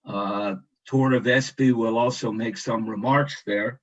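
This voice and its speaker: Slow, halting American-born man. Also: medium pitch, fairly even intonation. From United States. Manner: slow, measured, with many hesitations. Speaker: guest commenter. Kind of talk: online discussion remarks. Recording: dull lo-fi sound.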